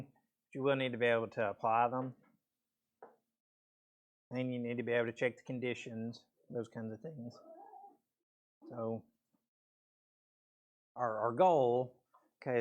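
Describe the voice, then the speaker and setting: Male math teacher in a classroom, mid-pitched, casual and patient, voice slightly worn, checks in with okays. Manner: casual, explains step by step with frequent okays. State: voice weak from weather, peppermint in mouth. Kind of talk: classroom lecture.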